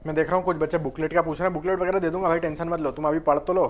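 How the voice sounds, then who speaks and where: A man's voice: fairly high pitch, flat delivery, rapid-fire, slight background noise. A young man giving a live engineering lecture at a whiteboard, explaining step by step and asking rhetorical questions. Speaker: engineering teacher. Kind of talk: live online lecture at a board. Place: classroom at a whiteboard.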